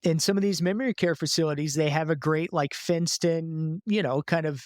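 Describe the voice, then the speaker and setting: A podcast guest with a notably high-pitched voice chats loosely in a casual conversational interview, packing his speech with filler words and quick laughs. The recording is close and dry, with no room sound at all.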